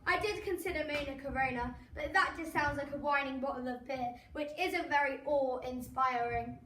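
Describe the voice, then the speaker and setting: A woman's voice: high-pitched, moderate pace, fairly bright tone, echoey room, slight background noise, low-quality recording. A woman voicing a pompous, gloating female supervillain virus who cackles and boasts. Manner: evil cackling, grandiose boasts.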